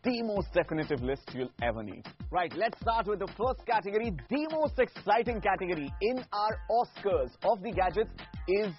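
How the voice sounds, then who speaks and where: A male TV co-host with a high voice teases and wisecracks through the show. The audio is dull and lo-fi, and music plays faintly behind him. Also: sing-song, normal speed. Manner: teasing, wisecracking. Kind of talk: casual bantering co-hosting.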